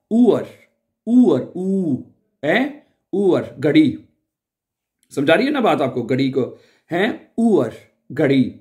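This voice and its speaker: A man's voice: on the high side, a little mellow. A man teaching a beginner German lesson, patiently repeating sounds and often checking that the learners follow.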